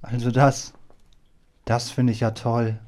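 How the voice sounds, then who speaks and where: A man voicing a gentle, kindly male donkey in a children's radio play who talks slowly and is easily delighted. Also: medium pitch, flat delivery, a little hiss or hum, close to an everyday voice. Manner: slow, warm-hearted and easily delighted.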